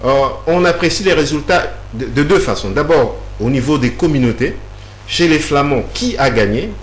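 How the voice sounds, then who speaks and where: A man whose voice is on the high side and expressive speaks at a moderate pace as an interview guest. He gives lengthy, patient explanations that stumble through fillers, repeated words and restarts, recorded in an echoey room with a low hum.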